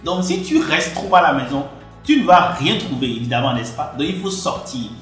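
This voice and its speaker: A man's voice: very animated, normal speed, fairly bright tone. A man from Benin, earnestly coaching the listener on relationships in a direct-to-camera talk. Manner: earnest, addresses the listener directly, emphatic pitch jumps. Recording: very echoey room with faint music.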